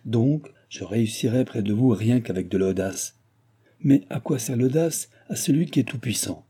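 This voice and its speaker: A man's voice: medium pitch, normal speed, mellow, breathy edge, close to an everyday voice. A man reading an audiobook, voicing a haughty, commanding mysterious stranger who speaks with scorn. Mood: imperious. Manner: scornful, imperious.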